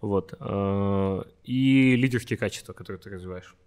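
A man's voice: on the low side, normal speed, smooth. A man from Kazakhstan with a burred r in casual chat, frankly explaining his work as a podcast guest and swearing now and then. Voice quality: burred r, says r softly in the throat. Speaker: podcast guest, network marketer.

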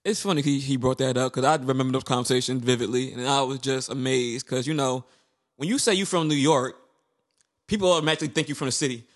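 Animated storytelling man. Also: mid-range voice, fast. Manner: animated storyteller who acts out his own past reactions. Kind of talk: casual chat.

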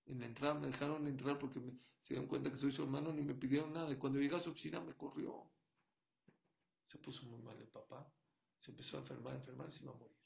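A man giving a sermon, telling a story and swinging from hushed to loud as he makes his point. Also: mid-range voice, fairly even intonation, quick pace, gravelly. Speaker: rabbi.

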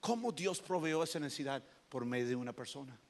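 A man's voice: mid-range voice, lively intonation, quick pace. A male pastor preaching animatedly to young people, switching between Spanish and English and acting out stories.

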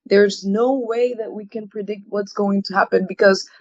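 An earnest woman gives her opinions in an interview, often backing up to restart a phrase. Her voice sits at an ordinary pitch. The sound is a little dull and very dry, with no room around it. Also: steady tone, moderate pace, darkish tone, no echo. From Ecuador. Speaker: political campaigner guest. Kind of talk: interview answers.

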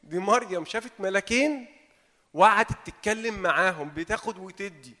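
A man with an Egyptian Arabic accent preaching an informal sermon, animated and asking his audience rhetorical questions. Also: high voice, a little fast, long reverb tail. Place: meeting hall.

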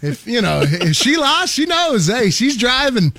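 A man co-hosting a sports radio show with a high voice that rises and falls a lot. He teases his partner in casual banter, and the studio sound is dry and close. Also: sing-song, measured pace, pushed and bright, no room sound. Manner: teasing, joking banter.

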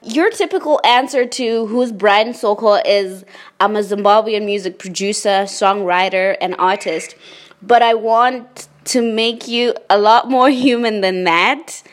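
A woman's voice: mid-range voice, unhurried. A woman hosting an interview show, introducing her guest and asking questions in an upbeat way. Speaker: podcast host.

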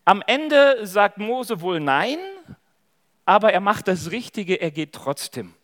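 A man's voice: sits high, lively intonation, takes it slowly, fairly bright tone. A man preaching a sermon to an audience in a large hall, telling the story casually and speaking to the listeners directly. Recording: echoey hall.

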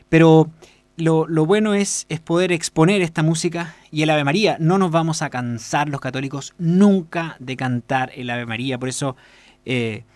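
Earnest radio host, dry sound. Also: male voice, medium pitch, no echo. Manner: unscripted, frequent fillers and restarts, earnest recommending. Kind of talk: casual spoken commentary.

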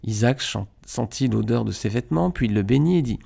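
A man reading a Bible chapter aloud in a steady, measured way. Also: medium pitch, vocal fry. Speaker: Bible reader.

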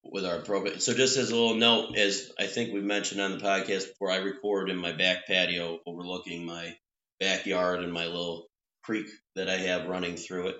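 With a deep voice and sharp tone, this man speaks at normal speed with flat delivery while co-hosting a podcast. He rambles, jokes and restarts himself often in playful, casual chat from a three-season back patio room at home. The recording is echoey with a dull lo-fi quality.

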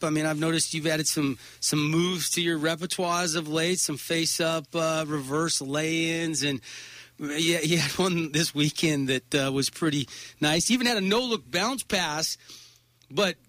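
A man hosting a sports radio show in a studio, chatty and lively, often stumbling and repeating words as he interviews guests. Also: fairly high pitch, normal speed, no echo.

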